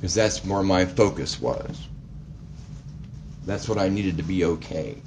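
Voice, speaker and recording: A man speaking at a recovery meeting, giving a halting, reflective personal testimony. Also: deep voice, expressive, background noise.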